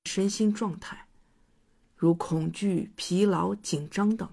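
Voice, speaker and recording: A woman reads a story aloud for practice with a husky, slightly breathy voice. Her delivery is even and measured, keeping to one steady tone. She sounds like a student trying out her reading. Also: medium pitch. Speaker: student reader.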